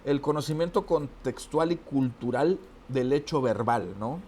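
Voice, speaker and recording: A man's voice: mid-range voice, measured pace, darkish tone, a little hiss or hum. A man giving a spoken lesson, explaining step by step and often checking in with tag questions and restarting phrases. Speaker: teacher. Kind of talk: spoken lecture on oratory.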